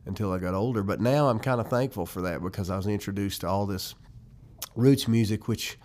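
Low-voiced man with an Appalachian accent. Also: a little fast, a little mellow. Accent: Southern Appalachian. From Western North Carolina, United States. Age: 40s. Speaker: musician guest. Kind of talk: casual reminiscing interview.

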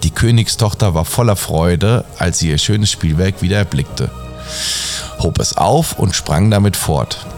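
A man calmly reading a fairy tale aloud as a bedtime story. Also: low voice, measured pace, soft background music. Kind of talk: storybook narration.

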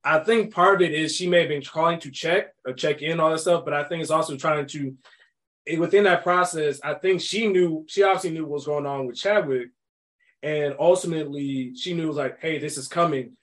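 A young man hosting a casual podcast about a movie, talking in an animated, emphatic way and laughing often. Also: on the high side, fairly quick. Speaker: podcast host.

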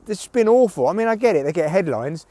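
A man with a slightly high voice delivers a loose, opinionated solo podcast rant with some swearing. He talks into headphones used as his mic, so the sound is close and dry. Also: animated, quick pace, warm tone, dry recording. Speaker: podcast host, comedian. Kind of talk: rambling solo podcast monologue. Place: outdoors in windy weather. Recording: recorded through headphone mic, rustly clicks.

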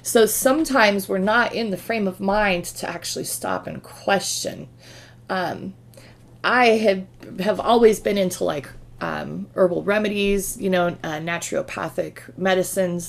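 A woman's voice: on the low side, normal speed, gravelly. A woman hosting a podcast, speaking in a reflective, relatable conversational way. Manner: reflective, relatable, thinks aloud with fillers. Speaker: podcast host. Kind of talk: conversational interview.

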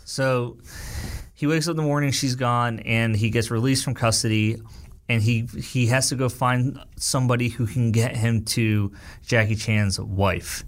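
A man casually retelling a movie's plot, rambling and quoting the characters as he goes. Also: medium pitch. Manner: rambling, animated retelling with quoted voices. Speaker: movie recapper. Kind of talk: casual movie recap chat.

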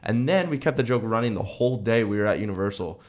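His voice is lowish and he talks fast. As a young podcast co-host, he spins casual, slang-filled stories and performs the lines people said.

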